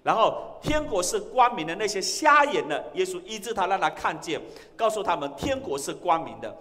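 A male pastor preaching a sermon, swinging between loud exclamations and hushed lines. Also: on the high side, in a large hall. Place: church sanctuary.

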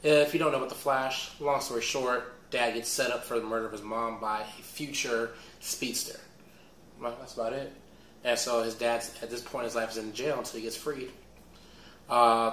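A man hosting a casual movie news show, hoarse as his voice comes back, talking in a laid-back, slangy and enthusiastic way. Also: mid-range voice, fairly even intonation, fairly quick, fairly bright tone, a little hiss or hum. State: hoarse, recovering voice. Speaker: host. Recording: echoey room.

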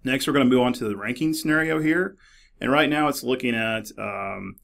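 A middle-aged man narrating a screen-recorded tutorial in a relaxed, explanatory way, with many fillers and restarts. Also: mid-range voice, brisk, creaky. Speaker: librarian demonstrating a database. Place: office.

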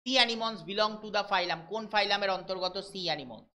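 Brisk man teaching, bright voice. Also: high-pitched. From West Bengal, India. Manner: brisk, keeps checking in with listeners; reads English questions slowly, explains in Bengali. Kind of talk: live online exam-prep class.

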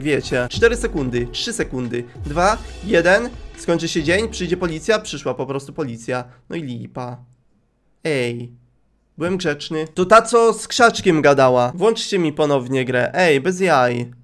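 Young male let's-player, upbeat and joking, voice on the high side, light music bed. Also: fairly bright tone. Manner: playful, jokey, talks to viewers. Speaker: gaming YouTuber. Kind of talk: casual let's-play commentary.

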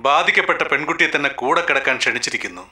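A brash TV reporter, fast-talking, bright and sharp, sarcastic, pressing. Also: male voice, fairly high pitch, lively intonation. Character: brash male TV reporter confronting politicians. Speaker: TV news anchor questioning an official. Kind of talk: dubbed film acting.

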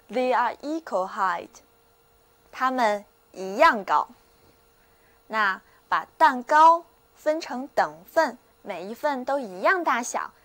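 A woman with a fairly high voice hosts a scripted vocabulary lesson at an unhurried pace. She spells each word out letter by letter and says every example sentence twice. Her tone is friendly and encouraging. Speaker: language teacher, show host.

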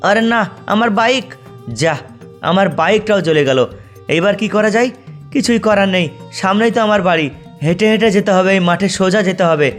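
A man voicing an excitable young male townsman fighting monsters in a game video. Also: sits high, a little fast, faint music behind, natural voice. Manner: exclaiming, excitable.

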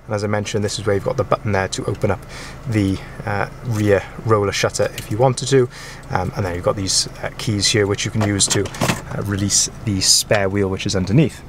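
Filmed on a handheld camera, a man who manages car sales walks around a pickup truck, first inside the cab and then out in the dealership yard, reviewing it with chatty enthusiasm and frequent ums and uhs. He talks a little fast in a fairly low, steady voice, with slight background noise.

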